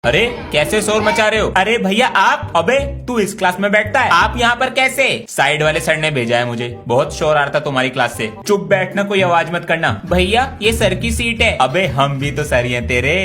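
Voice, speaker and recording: Young man, comedy skit acting, bantering, high voice. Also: expressive, normal speed, bright, forceful tone, soft background music.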